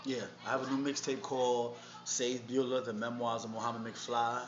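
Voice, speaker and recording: Being interviewed, a Harlem rapper with a New York accent speaks slang-heavy and casual at a moderate pace, his medium-pitched delivery completely flat. The audio is a noisy, muffled, echoey room recording.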